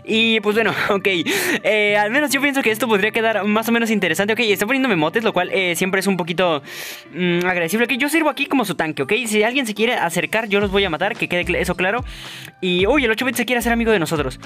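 A young man giving playful, excitable gameplay commentary to his viewers. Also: high-pitched, fast, soft background music. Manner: excitable, playful, addresses viewers, shouts at big moments. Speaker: gaming YouTuber.

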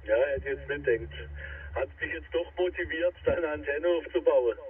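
A man chatting over CB radio in a casual, halting way, full of hesitations and restarts. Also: on the high side, slightly rough. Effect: heard over CB radio. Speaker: CB radio operator. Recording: tinny distant radio with static.

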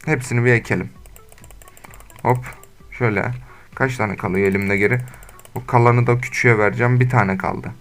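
A man's voice: medium pitch, steady tone, moderate pace, long pauses, fairly bright tone. A young man giving casual, slangy commentary while playing Minecraft, scolding his animals and talking to viewers. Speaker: gaming YouTuber. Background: faint game music and keyboard typing.

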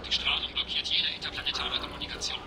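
An actor playing a quarian marine commander cut off by the enemy, reporting in terse, half-whispered military talk over a crackling sci-fi radio link. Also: male voice, fairly high pitch, completely flat delivery, fast. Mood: tense. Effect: crackly sci-fi radio transmission. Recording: very noisy, hissing radio comm.

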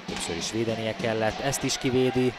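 Male hockey commentator, excited sports call, medium pitch, clear music bed underneath. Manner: bursts into loud, raised calls on goals.

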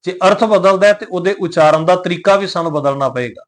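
Man teaching slow scripture recitation. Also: high-pitched. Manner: slow measured chanting of verses, then plain explanation; patient, instructive, repeats pronunciation points.

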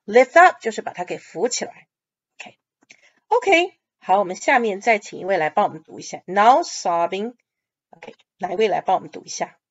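A woman's voice: medium pitch, fairly quick. A woman teaching an English reading class, patiently explaining words and phrases and mixing English words into her talk. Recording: dull lo-fi audio.

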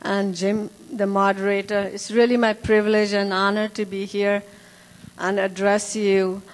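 A woman's voice: medium pitch, level tone, measured pace. A woman from Nepal giving a formal, gracious debate closing statement on a handheld mic. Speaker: state house candidate. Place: large indoor community hall. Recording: long hall reverb.

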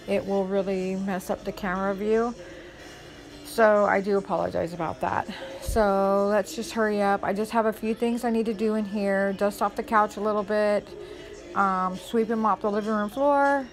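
A woman in her forties chatting casually as she narrates her home cleaning, explaining and apologizing as she goes. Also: mid-range voice. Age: 40s. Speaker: cleaning vlogger. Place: home kitchen and living room.

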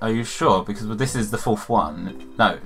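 Hesitant gamer, lively pitch, blunt and muttering. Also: male voice, moderate pace, creaky, faint music behind. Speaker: player on a co-op playthrough. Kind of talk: casual gameplay chat.

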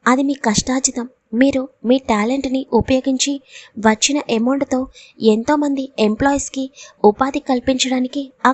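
Woman narrator voicing an upset young heroine, high-pitched, dry close sound, audio storybook. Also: a little mellow, dry recording. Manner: pleading, emotional. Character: young woman, tearful and self-doubting.

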